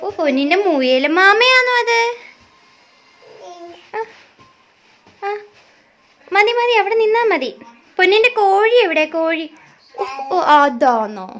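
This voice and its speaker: A woman's voice: extremely high pitch, very animated, slow pace, pauses often, fairly bright tone. A mother talking to her toddler in sing-song baby talk, coaxing her and asking the same questions over and over.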